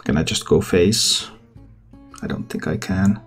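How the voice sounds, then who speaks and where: A man's voice: low voice, unhurried, creaky. A man who hosts gaming videos, giving casual game commentary and thinking aloud. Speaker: gaming content creator and host. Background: background music.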